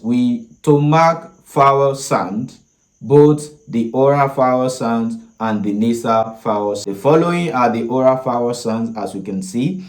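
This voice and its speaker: A man's voice: mid-range voice, darkish tone, echoey room. Nigerian man teaching a formal language lesson. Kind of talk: instructional lesson narration.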